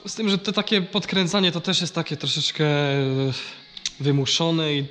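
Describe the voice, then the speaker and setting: A man's voice: fairly high pitch, steady tone, moderate pace, a bit bright. Nasal, stuffed-up man vlogging casually. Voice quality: nasal, congested from a blocked nose. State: blocked nose from an allergy. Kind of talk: casual explanatory vlog about farm machinery.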